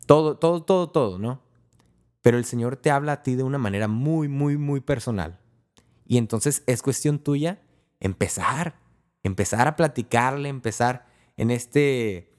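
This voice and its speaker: A man giving a casual spiritual talk, speaking in a relaxed, conversational way and acting out small prayers and dialogues. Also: mid-range voice.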